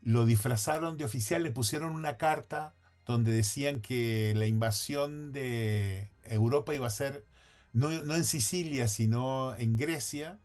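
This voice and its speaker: Male guest, mid-range pitch, chatty and hedging, talks in loose sentences with many restarts. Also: a little slow, a little mellow, faint music behind. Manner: thinks aloud, frequent restarts and self-corrections; hedging, conversational. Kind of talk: casual podcast conversation.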